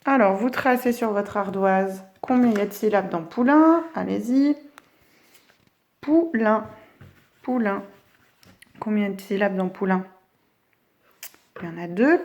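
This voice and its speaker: A woman teacher giving a phonics lesson to young children, stretching each word slowly as she says it. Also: medium pitch, darkish tone. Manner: slow, drawn-out words for children.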